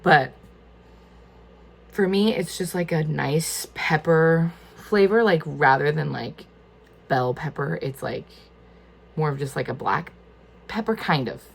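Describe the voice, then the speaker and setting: A woman's voice: low voice, slow pace, creaky, long pauses, husky. A woman talking casually and informally through a tasting, thinking aloud in a tentative, conversational way. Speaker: wine tasting host. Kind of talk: casual chatty wine tasting.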